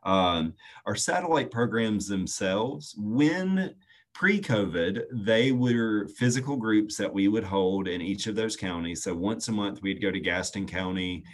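A man speaks in an interview. He explains things earnestly and steadily. He often pauses on "um" as he thinks. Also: lowish voice. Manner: earnest, measured, frequent "um" fillers. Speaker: youth nonprofit staff guest. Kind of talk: conversational interview answers.

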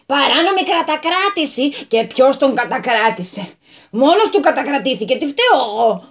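A woman's voice: sits high, sing-song. A woman voicing a hot-tempered, bossy male landowner who talks in a flustered rush in a radio story. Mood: indignant.

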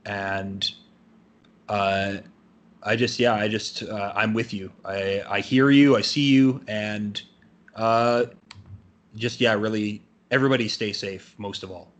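A man's voice: on the low side, steady tone, slow pace, fairly bright tone. A man co-hosting a casual podcast, stammering and trailing off as he talks. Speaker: podcast co-host.

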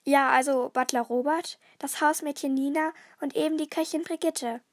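A woman's voice: high voice, steady tone, moderate pace, no echo, studio quality. A woman voicing a grave man who owns a villa in a storybook, plainly explaining.

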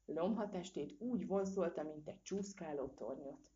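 Low-voiced woman reading a storybook. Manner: lively expressive reading. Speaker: narrator. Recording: dull lo-fi recording.

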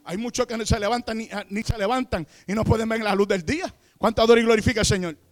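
Fervent Puerto Rican pastor with very high voice. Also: male voice, fairly even intonation, fast talker. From Puerto Rico. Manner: fervent preaching, sprinkled with amén and aleluya, calls on the congregation to repeat; builds to shouting at peaks. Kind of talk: sermon.

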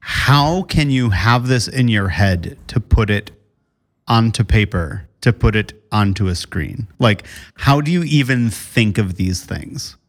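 A man's voice: fairly low pitch, lively intonation, a little slow. A man co-hosting a podcast, chatting casually and enthusiastically, often laughing as he gushes. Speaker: podcast co-host. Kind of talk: casual chat.

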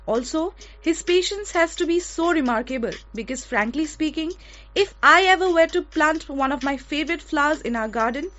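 Speaking with an Indian accent, a female radio host uses a very high-pitched, fairly bright, expressive voice at a moderate pace. She presents conversationally to a co-host and listeners, and the audio is somewhat dull and lo-fi.

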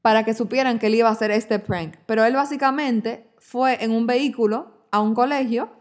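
A woman's voice: a little high, normal speed. A woman co-hosting a podcast, chatting casually and acting out voices when she tells a story. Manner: animated storyteller, acts out quoted voices. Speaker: podcast co-host. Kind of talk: casual chat.

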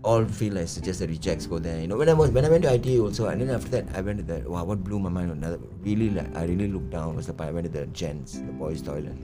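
Low-voiced Singaporean man, guitar music behind. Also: lively intonation, rapid-fire, hardly any pauses. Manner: colloquial, opinionated, uses Singlish particles. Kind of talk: casual chat. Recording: music playing under the voice.

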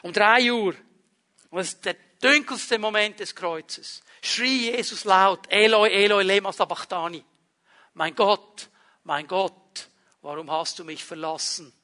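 A male pastor delivering a sermon with a high-pitched voice. His tone is bright and forceful. He preaches emphatically, then drops to hushed, intense stretches. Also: slow pace. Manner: emphatic preaching, dropping to quiet intense moments.

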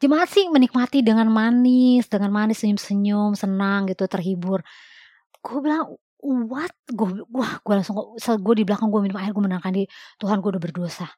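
A woman, a church music committee member, telling a story in a lively, slangy way and mixing in English words. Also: medium pitch, a little fast, dry recording, studio quality. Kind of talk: casual storytelling monologue.

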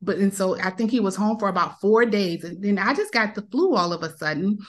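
A woman's voice: mid-range voice, lively intonation, fairly quick, fairly bright tone. A woman in her thirties, a podcast guest, telling a personal story in casual talk and acting out the voices of the people in it. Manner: emotional retelling, acts out quoted voices.

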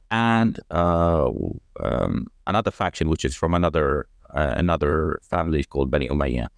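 A man speaking as a podcast guest, explaining at length in a measured way, with frequent fillers and restarts. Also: rumbling low, no echo, studio quality. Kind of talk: conversational explanation.

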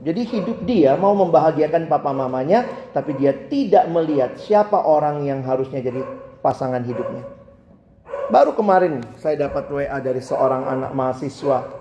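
A man's voice: medium pitch, roomy sound, highs cut off, background noise. A man preaching a sermon, joking and acting out the people he quotes.

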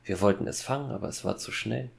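A man voicing a calm, cold young boy who quietly threatens his father in a horror fairy-tale audiobook. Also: fairly low pitch, fast, vocal fry. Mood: cold menacing.

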